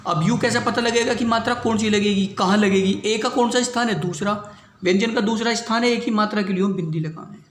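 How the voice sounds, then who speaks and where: A man's voice: high-pitched, a little fast, echoey room. A man teaching a shorthand class, explaining step by step and often checking whether students have understood. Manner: repetitive, checks understanding with "clear hui bhaiya baat". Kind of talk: classroom lesson.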